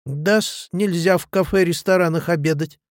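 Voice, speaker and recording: A man's voice: a little high, moderate pace, no room sound, studio quality, natural voice. A man reading the lines of an insolent young hanger-on who mocks and needles. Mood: sneering. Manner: mocking, needling.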